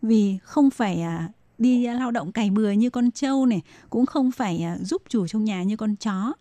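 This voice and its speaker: A woman's voice: mid-range voice, moderate pace, warm tone, no echo. A woman hosting a radio talk show, explaining steadily with many fillers. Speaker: radio host.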